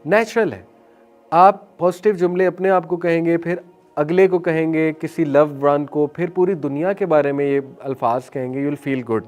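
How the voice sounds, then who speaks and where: A man with a somewhat high voice delivers an earnest motivational religious talk. He drops English phrases into his speech and slows right down when reciting phrases. Soft music plays faintly underneath. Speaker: Islamic speaker.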